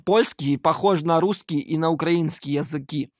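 A man's voice: fairly high pitch, normal speed, dry recording, studio quality. A man giving casual, improvised screen-recording commentary, hesitantly thinking aloud. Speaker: video creator.

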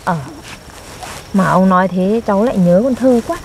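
A woman's voice: mid-range voice, normal speed, a little mellow, a little hiss or hum. A young woman, performing in a scripted comedy skit and teasing and scolding her partner in an exaggerated way. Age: young adult. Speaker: comic actor.

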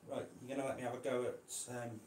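A man keeping reptiles, chatting casually to viewers while gently coaxing and handling a snake indoors. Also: mid-range voice, little pitch movement, quick pace, reverberant, slight background noise. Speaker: reptile keeper vlogger. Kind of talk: casual vlog. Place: indoor room.

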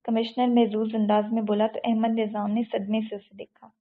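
A woman reading an audiobook as the narrator in steady, scripted narration. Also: on the high side. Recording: tinny phone-like audio.

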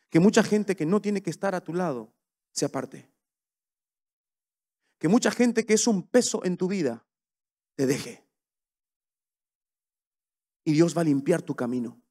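A male pastor, preaching a sermon with passion, swinging between soft and loud. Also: a little high. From Paraguay.

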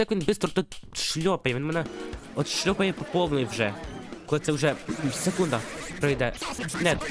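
A man giving excited gameplay commentary, breaking into panicky yelps and repeated outbursts. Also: on the high side. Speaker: let's play gamer. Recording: game music loud under voice. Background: game music.

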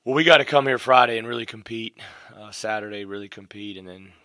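Seated at a table in a press room before a logo backdrop, a middle-aged basketball coach fields questions at a postgame press conference through a desk mic on a stand in front of him. His voice is lowish with a sharp tone, and there's no room sound. He speaks in a measured way, repeating phrases and filling gaps with lots of "um" and "you know."

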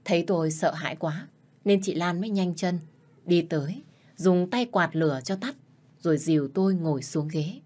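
A woman reading a first-person story aloud in a calm, even manner. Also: fairly low pitch, normal speed.

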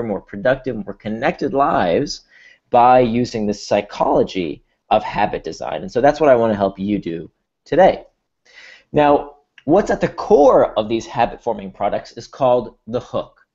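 An expressive, slightly mellow mid-range male voice at normal speed belongs to an Israeli-born workshop speaker with an American accent. He presents over a video call, explaining steadily while restarting phrases by repeating words. The audio is dull and lo-fi.

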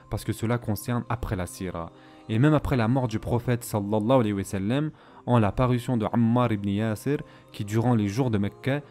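A man giving a measured, explanatory voice-over lecture on Islamic history, weaving Arabic phrases into his speech. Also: lowish voice, mellow.

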